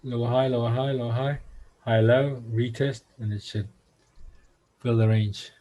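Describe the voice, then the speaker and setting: A man's voice: mid-range voice, moderate pace. Mid-voiced guy, worked up and cussing at the charts, casual chat. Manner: excitable, swears at the charts. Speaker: fellow trader.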